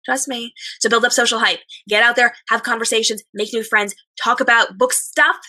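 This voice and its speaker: A slightly hoarse woman hosting a chatty advice show, speaking emphatically and repeating phrases in lists. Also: on the high side, steady tone, moderate pace, pushed and bright. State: slightly hoarse, losing her voice. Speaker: host of an advice show for authors. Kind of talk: chatty advice monologue to viewers.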